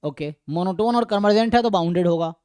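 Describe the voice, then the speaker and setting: A man's voice: high voice, fast talker, a little mellow, smooth, dry recording, studio quality. A man with an Indian accent teaching a live online math lecture, explaining step by step and quizzing his students.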